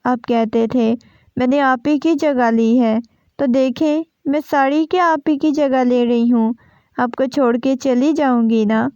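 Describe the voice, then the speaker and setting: Anxious sick young wife pleading, read by a woman, mellow kinda high voice, dull dry sound. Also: steady tone, smooth, no echo, natural voice. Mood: tearful. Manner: pleading, worried questions. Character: young wife, anxious and gravely ill, tender.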